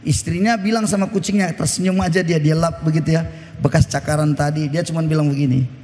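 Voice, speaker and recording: A man's voice: fairly high pitch, fairly even intonation, fast talker, a little mellow. A pastor preaching a sermon, telling stories with animation and quizzing his congregation. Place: church. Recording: echoey church hall.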